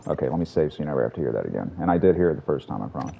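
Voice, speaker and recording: A man's voice: rumbling low, lively intonation, very fast, creaky, lo-fi sound, a little hiss or hum. A man streaming a video game, rambling and swearing casually as he talks to his chat. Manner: rambling, profane, chatty. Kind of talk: casual gameplay commentary to a live chat.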